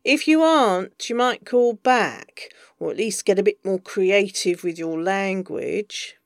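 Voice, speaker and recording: A woman reading as a bossy publicist whose voice jumps up high and loud to scold a client. The delivery is sharp and hectoring, with a gravelly edge, and the recording is dry. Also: a little slow, no echo, lightly acted. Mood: sarcastic.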